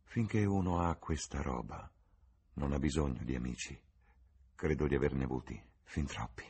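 A man's voice: a bass voice, normal speed, darkish tone, husky, heavily acted. A man reading as a listless, ruined young man. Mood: resigned.

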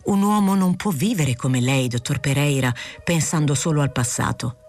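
A woman reading the part of a calm, frank middle-aged male doctor who speaks in a probing, gently lecturing way, in an audiobook. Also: deep voice, moderate pace, soft background music. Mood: earnest.

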